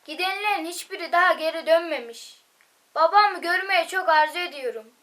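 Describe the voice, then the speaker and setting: A woman's voice: very high voice, moderate pace, pushed and bright. A female performer playing an earnest patriotic teenage boy, reciting declamatory lines in an amateur school play. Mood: hesitant, longing. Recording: very echoey room.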